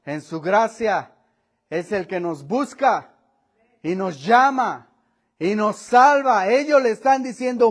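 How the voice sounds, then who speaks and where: A man preaching a sermon, calling his listeners brother and acting out the voices in the story. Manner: preaching with dramatic shifts in pitch and volume, acting out voices; laughs between points, addresses listeners as brother. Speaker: pastor. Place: church.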